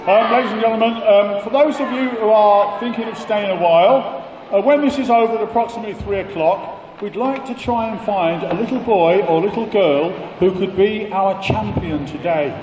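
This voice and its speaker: High-voiced male announcer, echoing over a crowd. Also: moderate pace, lo-fi sound. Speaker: competition host and announcer. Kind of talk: live public announcing. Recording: distant, echoey PA announcement with crowd.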